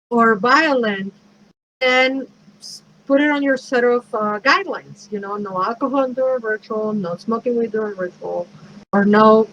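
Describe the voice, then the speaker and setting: A woman's voice: fairly high pitch, muffled recording, a little hiss or hum. A woman priestess and minister giving a frank, conversational workshop talk, advising listeners with self-deprecating asides.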